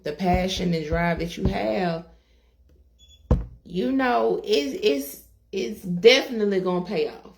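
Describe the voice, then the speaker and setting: A woman co-hosting a casual interview, relaxed and rambling with frequent laughs. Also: lowish voice, gravelly. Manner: relaxed and rambling, laughing often, many fillers. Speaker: co-host, interviewer.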